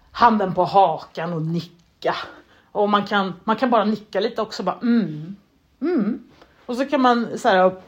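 A chatty woman rambling in a loose, casual monologue. She drifts between thoughts, restarts her sentences and mocks herself as she acts out what goes on in her head. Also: mid-range voice. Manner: chatty, self-deprecating, loses her thread; frequent fillers and restarts, acts out inner thoughts.

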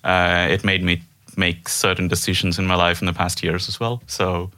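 This guest on a company podcast is an Indian man in his thirties, a developer who speaks an Indian language natively, not Norwegian. His low-pitched voice is monotone yet bright and forceful, at normal speed. In the casual interview he's hesitant, full of fillers and restarts, and laughs a lot.

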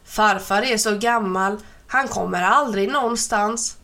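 A woman voicing a kindly, bustling elf mother in a storybook reading. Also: medium pitch. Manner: warm, bustling and hospitable.

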